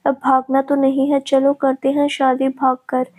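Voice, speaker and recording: A woman voicing a doting young man who speaks tenderly and jokes gently with his fiancée, in a storybook reading. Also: high voice, completely flat delivery, unhurried.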